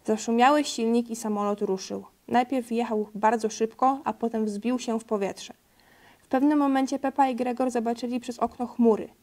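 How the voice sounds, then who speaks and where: A woman reading a children's picture book aloud in a steady, clear way, now and then tripping over a word. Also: a little high, normal speed. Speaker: storybook reader.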